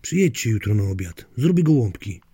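A man's voice: on the low side, big pitch swings, fairly quick, warm tone, breathy edge, dry recording, full character voice. A man voicing a grumpy, cursing grandmother in an audiobook story, snapping and muttering. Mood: coaxing. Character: grumpy foul-mouthed grandmother obsessed with a mole.

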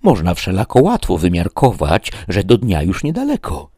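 A man's voice: wildly swooping pitch, moderate pace, warm tone, breathy edge, dry recording, clean studio sound, heavily acted. Sancho, a man doing a timid squire. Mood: pleading. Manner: pleading, high and strained. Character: timid pleading peasant squire, middle-aged man.

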